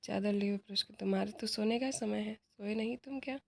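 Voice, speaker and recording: A woman's voice: medium pitch, fairly even intonation, fairly quick, creaky, darkish tone. A woman reading aloud the part of a strict, orderly mother who scolds her household. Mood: stern. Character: strict, orderly mother, prim older sister.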